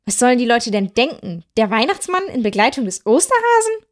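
A woman voicing a cheeky, sulky male Easter bunny who talks in slang and turns shrill when he is upset. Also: very animated, brisk. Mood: defensive.

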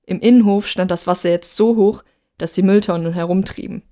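A woman narrating a story in a steady, measured reading voice. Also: medium pitch.

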